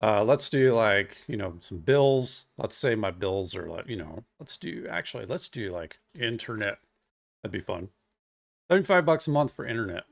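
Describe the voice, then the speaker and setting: Speaking into a single desk microphone, a software developer live-streams his coding project and chats casually with viewers, greeting people in chat and rambling with many "uh"s and "um"s. His voice is on the low side, animated, at normal speed, with vocal fry.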